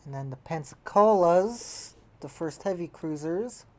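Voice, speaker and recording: Low-voiced woman musing through gameplay. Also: expressive, measured pace. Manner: musing, trailing off mid-thought while tallying numbers. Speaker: game player. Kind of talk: casual gameplay commentary, thinking aloud.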